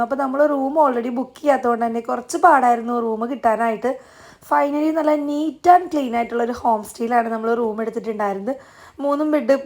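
High-voiced, fast-talking woman narrating. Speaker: travel vlogger. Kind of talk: casual travel vlog voice-over narration.

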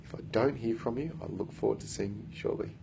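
Talking fast in a lowish, creaky voice, a coach in his thirties vlogs casually into a phone held at arm's length in an office meeting room. He's earnest, stumbling through many fillers and restarts, with background noise behind him.

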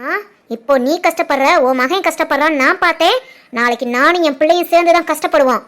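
A woman voicing a scheming young village woman in an animated family drama, complaining and insistent, with a southern Tamil Nadu village dialect. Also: sits high, quick pace. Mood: bitter. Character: sharp-tongued scheming young village woman, sister-in-law.

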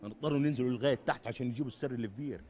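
A man's voice: mid-range voice, racing, mellow, lightly acted. A man with an Egyptian accent playing a weary, jumpy street sweeper in a comedy sketch. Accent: Egyptian Arabic. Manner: complaining, nervous, absurd.

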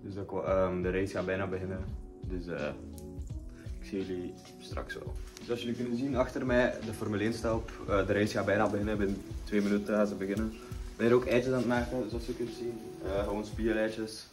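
A man's voice: fairly low pitch, steady tone, fairly quick, over music. A young man with a Flemish accent chatting casually to his vlog in a laid-back, slangy way, sprinkling in English words, recorded on a phone at arm's length. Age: young adult. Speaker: vlogger. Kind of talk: casual daily vlog chat.

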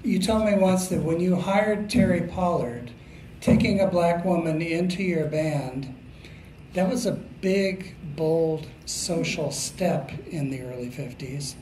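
A man's voice: fairly high pitch, slow pace, darkish tone, slight background noise. Man interviewer chiming in, echoey room. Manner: casual, chiming in with knowing remarks. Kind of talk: on-stage conversation. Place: hotel event room at a jazz festival.

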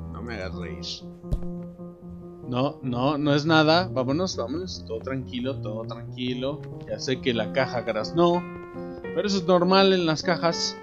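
A young man with a Mexican accent giving joking, animated let's play commentary, talking to himself and his viewers as he plays. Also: mid-range voice, unhurried, lo-fi sound. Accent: Mexican Spanish. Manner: animated, jokey, talks to himself and viewers while playing. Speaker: gameplay commentator. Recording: background game music.

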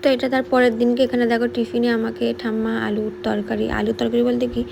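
A woman's voice: a little high, flat delivery, fast, vocal fry. A woman giving a chatty, casual vlog voice-over, pointing out the food she eats. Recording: faint background noise.

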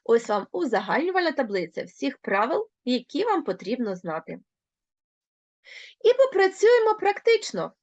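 A woman teacher with a Ukrainian accent explains a grammar lesson, speaking clearly and addressing her pupils directly. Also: sits high, sing-song, moderate pace, no room sound, highs cut off. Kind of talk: recorded online lesson.

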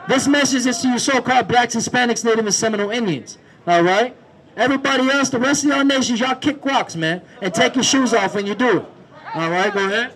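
A man preaching on the street to passersby, talking outdoors, repeating "all right?" and "man" and rising to shouted exhortation. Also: very high voice, a little fast, rough recording.

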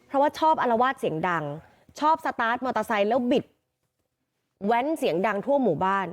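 A woman field reporter telling a news story in a chatty, animated way. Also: a little high, fairly quick.

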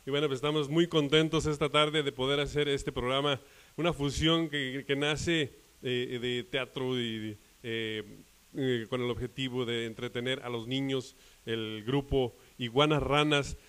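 A man's voice: medium pitch, fairly even intonation, a little slow, a bit bright, smooth. Older man hosting, chatty. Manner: chatty, rambling, filler-heavy introductions. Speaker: TV host. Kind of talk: live TV presenting.

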